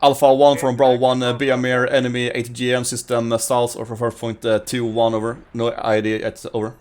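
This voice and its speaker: A man's voice: mid-range voice, monotone, fairly quick, a little mellow. Man giving terse tactical game commands. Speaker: player leading a tank section. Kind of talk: tactical radio commands in a military simulation game.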